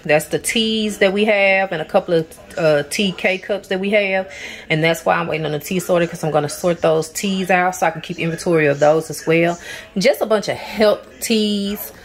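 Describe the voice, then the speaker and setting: A woman in her thirties talks to her viewers while she tidies her kitchen. Her voice sits a little low, and she rambles loosely, often circling back with "so yeah". The sound comes from a camera on a tripod a few steps away in a home kitchen. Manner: relaxed, rambling, repeats "so yeah". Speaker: vlogger. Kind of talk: casual cleaning vlog chat. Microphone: camera on tripod across the room.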